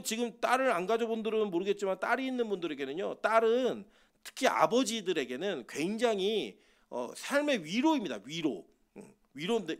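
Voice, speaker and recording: A male pastor preaching an expository sermon in church, talking conversationally and asking his congregation rhetorical questions. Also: sits high.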